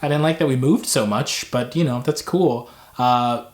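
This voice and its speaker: A man's voice: medium pitch, moderate pace. Young man telling his story, echoey. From Tanzania. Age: 20s. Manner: rambling, frequent restarts. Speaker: former missionary kid sharing testimony. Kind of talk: personal testimony. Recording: roomy echo.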